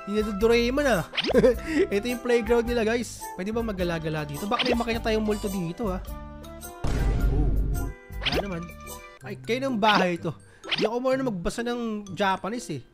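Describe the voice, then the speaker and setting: A Filipino woman with a stuffy, nasal voice chatting through a horror game, reading game text aloud and shrieking when startled, with loud game music behind her. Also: medium pitch, normal speed. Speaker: gaming streamer. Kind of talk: casual horror game commentary.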